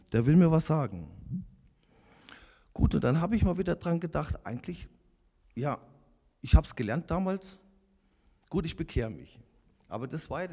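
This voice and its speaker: A man in his fifties, a lay preacher, gives an earnest, confessional personal testimony straight to his congregation. His voice is a little high and slightly rough, with a dark tone, and a long hall reverb trails each phrase.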